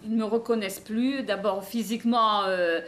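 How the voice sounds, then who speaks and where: A woman from northern France speaking earnestly in a documentary interview, halting and restarting her sentences. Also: medium pitch, steady tone, fairly bright tone, slight background noise. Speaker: hospital nutrition workshop participant. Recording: echoey room.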